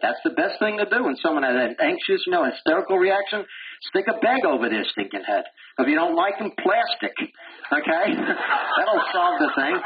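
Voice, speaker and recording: A man giving a medical lecture who quizzes his class and answers himself, with blunt, wry humor. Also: on the high side. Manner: animated, asks the class questions and answers them himself. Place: lecture room. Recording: dull lo-fi lecture recording with faint hiss.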